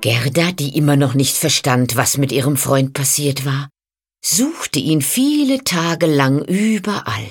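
A woman narrating a fairy tale in a slow, dramatic storytelling manner that speaks to the listener. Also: low-pitched, lively intonation, breathy edge. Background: faint music.

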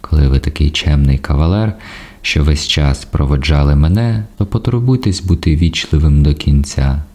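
A man's voice: extremely low pitch, moderate pace, a little mellow. A man voicing a brave, tense young woman who answers in firm, clipped retorts. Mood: coolly sweet.

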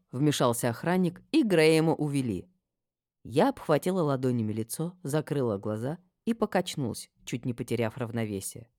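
A woman narrating a first-person audiobook with expressive delivery. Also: extremely low pitch, dry recording, studio quality. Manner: expressive, lively dialogue delivery.

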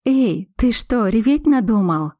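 A woman's voice: fairly high pitch, animated, unhurried, no room sound, clean studio sound. Woman playing a feisty pregnant young woman. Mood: teasing. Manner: sharp-tongued, bossy and playful.

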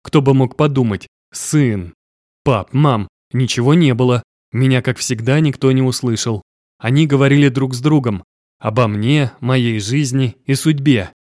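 Brief: male audiobook narrator, mid pitch, slow measured reading, dry close mic. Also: a little mellow, no room sound. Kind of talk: first-person audiobook narration.

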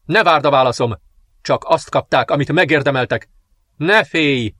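A man voicing a vengeful sixteen-year-old dark princess in an audiobook, proclaiming and cursing in a raised voice. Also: on the high side, dry recording, clean studio sound. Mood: cold. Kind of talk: audiobook character reading.

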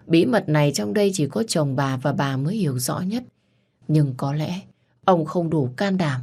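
A woman with a low, husky voice reads a dramatic story in a steady, somber way. Her tone is breathy, and soft music plays beneath the narration. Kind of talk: scripted audio story narration.

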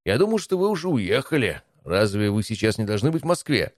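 A man voicing a stern, gray-haired male guard commander who speaks gruffly and suspiciously. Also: lowish voice, very animated, fairly quick, no room sound, clean studio sound, voice pushed up. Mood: wary, gruff.

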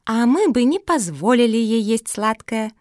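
A woman's voice: on the high side, animated, a little slow, a little mellow, dry recording. Woman reading a kindly female dog, plain, matter-of-fact, dry sound.

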